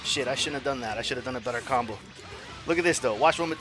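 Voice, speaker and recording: A man giving live commentary on his own fighting game match, excitable, swearing and trash-talking. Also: medium pitch, quick pace, over music. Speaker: gaming streamer.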